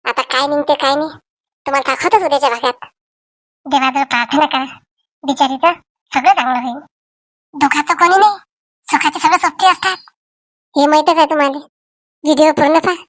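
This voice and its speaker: A woman's voice: sits high, fairly quick, pauses often, fairly bright tone, no room sound, clean studio sound. A woman with a Varhadi Marathi accent narrating a comic cartoon story in a chatty, folksy way.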